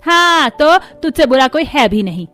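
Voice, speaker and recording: A woman voicing a quarrelsome middle-aged mother-in-law who scolds and nags in an animated story. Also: high voice, normal speed. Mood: scornful. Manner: scolding, nagging.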